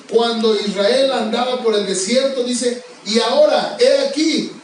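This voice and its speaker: A male pastor with a very high-pitched voice preaches a sermon in a church sanctuary, pressing the congregation with question after question. He's far from the mic in an echoey church hall. There's slight background noise.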